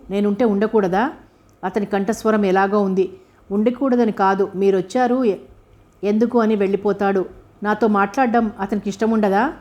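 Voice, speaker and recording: A woman narrates a novel chapter, reading both the story and the characters' dialogue. Her voice stays flat and level, with little rise or fall in pitch, and moves along at a steady reading pace.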